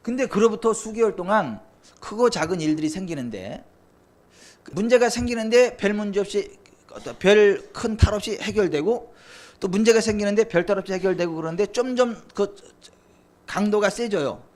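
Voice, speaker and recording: A male pastor preaching a sermon, swinging between loud, fervent cries and quiet, low asides. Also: animated, moderate pace. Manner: impassioned, swings from loud cries to near whispers. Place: church sanctuary.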